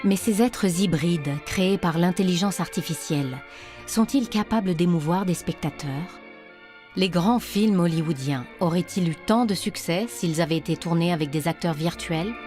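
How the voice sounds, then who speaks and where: A woman with a fairly low voice delivers scripted documentary narration. She speaks in a measured, questioning way. Faint music plays beneath her words. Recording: voice-over with faint music behind.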